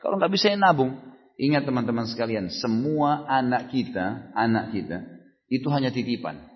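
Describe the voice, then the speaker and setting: A man's voice: mid-range voice, animated, normal speed. A man preaching at a religious study gathering, answering questions in a conversational way, acting out little dialogues and firing off rhetorical questions. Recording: echoey hall, dull lo-fi sound.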